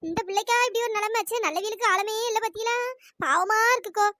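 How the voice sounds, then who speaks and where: Chipmunk-high gossiping women. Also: no echo, studio quality. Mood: gossipy. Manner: excited, gossipy, rapid chatter. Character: chattering gossiping village women neighbours. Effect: sped-up high-pitched cartoon voice.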